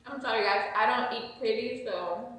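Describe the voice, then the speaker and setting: A woman's voice: a little high, moderate pace, a bit bright, far from the mic. A woman co-hosting a couple's vlog, chatting in an easygoing, giggly way. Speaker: vlog co-host. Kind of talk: casual chat. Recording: echoey room, away from mic.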